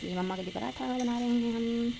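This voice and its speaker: A young woman with a Pakistani Urdu accent chats quickly and loosely, full of fillers, as she cooks breakfast at home. She holds the phone in her hand as she talks. The home recording has a clear layer of background noise under her voice. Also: a little high. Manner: rambling, chatty, full of fillers. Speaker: vlogger. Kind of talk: casual chat vlog while cooking. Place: home kitchen, indoors. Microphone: handheld phone.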